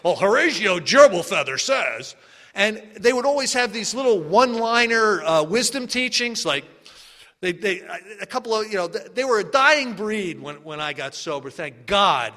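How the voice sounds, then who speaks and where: A man with a high, forceful, bright voice tells his own story to a recovery meeting. He is animated and self-mocking, and he acts out his old rants. His voice rings through a hall with a long echo. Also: moderate pace. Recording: echoey hall with long reverb.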